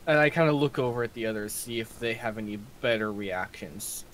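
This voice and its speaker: A man's voice: fairly low pitch, a little fast, fairly bright tone, a little hiss or hum. A man joking and chatting as a player in an online tabletop game.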